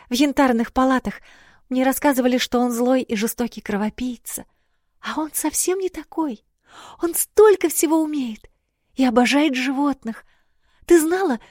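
A woman reading an audiobook, voicing a fragile young princess who is sweet, anxious and chatty, her lines high and gushing. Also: a little mellow, dry recording, clean studio sound. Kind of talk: audiobook character voice.

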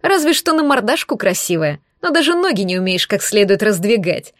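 A woman voicing a drunk, crude husband who slurs, shouts and sneers in an audiobook reading. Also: mid-range voice, very animated, fairly quick, dry recording, clean studio sound, close to an everyday voice. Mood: drunk, abusive. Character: drunk crude bullying husband, adult man.

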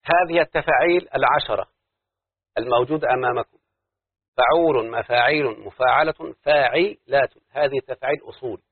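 A man with an Egyptian Arabic accent teaches a classroom lesson on Arabic prosody, repeatedly checking whether his students are following. His mid-range voice has a breathy edge, and the recording is dry and lo-fi, narrow like a phone line, with no room sound.

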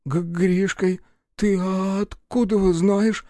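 Brief: man voicing a shivering little boy, stuttering, high voice. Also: little pitch movement, slow, mellow, dry recording, clean studio sound. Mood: bewildered. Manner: stammering through chattering teeth. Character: frozen little village boy, timid and shivering.

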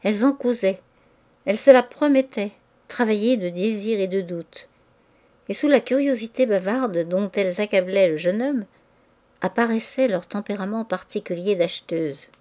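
A woman reading a classic novel aloud in measured, even narration. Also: medium pitch. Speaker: audiobook reader.

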